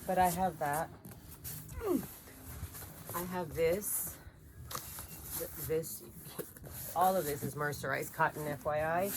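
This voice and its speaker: A woman's voice: low voice, fairly even intonation, slow pace, pauses often, background noise. A woman chatting casually in a home vlog, rambling and gushing over her yarn. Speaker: crochet vlogger.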